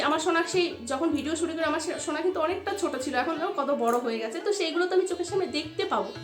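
High-pitched, fast-talking woman. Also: fairly bright tone. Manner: chatty, addresses viewers as friends. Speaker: family vlogger. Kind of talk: casual chat to viewers. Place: home, kitchen and bedroom. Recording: echoey room with background music.

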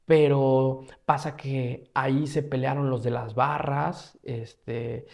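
Slow and gravelly in a mid-range voice, a man from Mexico relates a story with a Mexican Spanish accent. As a travel vlogger, he keeps it casual, slangy and lively, performing his own reactions.

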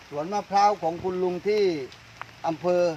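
A man's voice: high-pitched, fairly even intonation, normal speed, dark tone, highs cut off, slight background noise. A man interviewing a farmer for a promotional video, eager and repeating the answers back, outdoors in a coconut orchard in the rain. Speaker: interviewer, fertilizer brand owner.

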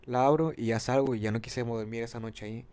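A young Monterrey man in his twenties tells a long story in a quick, slangy, rambling way. His voice sits at a middle pitch, and he speaks with a northern Mexican accent. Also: smooth. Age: 20s. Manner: slangy, rambling, animated retelling. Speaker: podcast host. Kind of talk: casual storytelling chat.

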